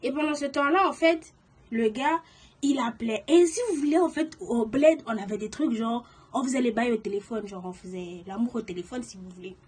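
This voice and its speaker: Husky-voiced young woman telling a story. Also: fairly high pitch, fairly quick. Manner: chatty, full of slang and filler words; gets loud and animated when indignant. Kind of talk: casual storytime vlog.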